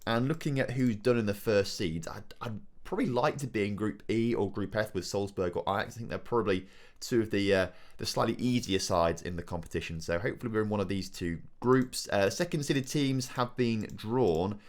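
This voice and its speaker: Excitable low-voiced gaming host. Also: male voice, brisk. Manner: excitable, chatty, repeats phrases. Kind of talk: casual gaming commentary.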